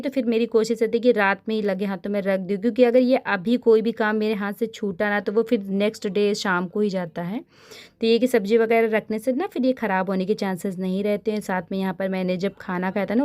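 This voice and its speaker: A woman's voice: medium pitch, darkish tone. Chatty woman narrating her home routine. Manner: chatty and advisory, often turning to tips for the viewer. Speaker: home vlogger. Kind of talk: casual voice-over narration of a daily routine.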